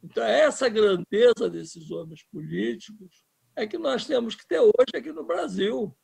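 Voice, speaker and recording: Gravelly, husky older Brazilian man. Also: sits high, animated, normal speed, a little mellow. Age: 70s. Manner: impassioned, emphatic, restarts words. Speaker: interviewed filmmaker. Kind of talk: political interview.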